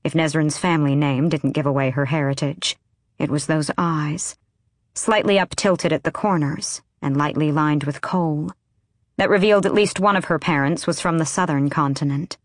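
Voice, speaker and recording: A woman with a low voice narrates a fantasy audiobook from a script, in a measured, even storytelling style. The sound is clean studio audio with no room noise.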